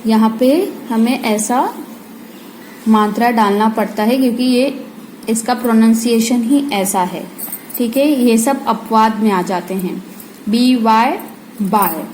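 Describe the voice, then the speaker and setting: A woman teaches phonics slowly and patiently, breaking each word into letter sounds. Her voice is fairly high but mellow. A faint hiss of noise sits under the recording. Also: steady tone, low-quality recording. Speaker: home tutor. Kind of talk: slow phonics lesson for parents and kids.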